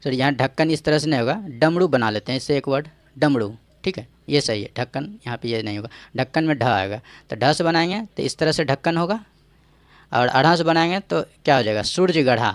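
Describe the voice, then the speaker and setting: A teacher with a mid-range voice and a brisk delivery runs an exam-prep grammar lesson, recorded with no room sound. He explains step by step, keeps checking in with "ठीक है", and quizzes the viewer with rhetorical questions.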